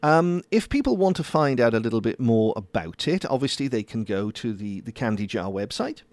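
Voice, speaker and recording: A man's voice: mid-range voice, big pitch swings, moderate pace, darkish tone, no echo. A man hosting a conversational radio interview, affable, with rambling, hedging questions. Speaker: interview host.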